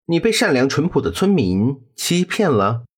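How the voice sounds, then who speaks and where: A man voicing a calm, teasing young gentleman in an audiobook drama, asking pointed questions. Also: fairly high pitch, moderate pace, husky.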